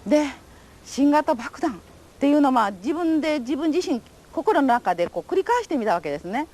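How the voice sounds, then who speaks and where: Her high-pitched, slightly mellow voice is very animated and a little fast. An older woman from Japan, she gives a recorded testimony as an atomic bomb survivor, recalling the past through polite, formal, vivid storytelling.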